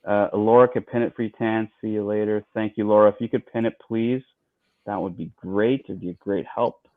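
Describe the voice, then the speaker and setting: Low-voiced man on a tinny line. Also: a little fast. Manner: relaxed, chatty, many fillers and repeats. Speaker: livestream co-host. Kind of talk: casual livestream chat.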